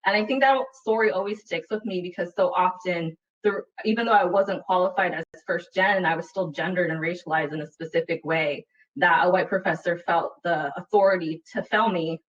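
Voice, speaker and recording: A woman's voice: lowish voice, fairly quick. A woman from Utah, a panelist telling a personal story in a webinar, earnest and reflective, often checking in with "right?". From Utah, USA. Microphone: video call computer mic. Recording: dull, distant webinar audio.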